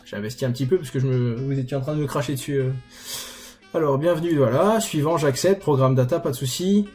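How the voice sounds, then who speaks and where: A man's voice: medium pitch, fast talker, warm tone, soft background music. A young man hosting a casual screen tutorial, chatty and self-mocking, with crude slang. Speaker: YouTuber tutorial host.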